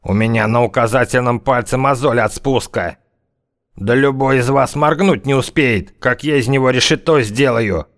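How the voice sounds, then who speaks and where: A man voicing a tough, slang-talking gunman who threatens and mocks in a slow drawl. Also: mid-range voice, pitched above the performer's own voice, close to an everyday voice. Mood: menacing mockery. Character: tough slangy male gunman, menacing, scornful.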